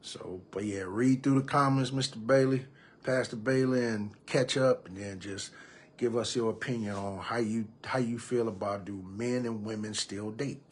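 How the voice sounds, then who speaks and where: A man's voice: fairly low pitch, steady tone, moderate pace, slightly rough. A man in his thirties hosting a live podcast, talking casually and reading viewers' comments aloud. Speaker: podcast host. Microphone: computer or phone mic on a live stream.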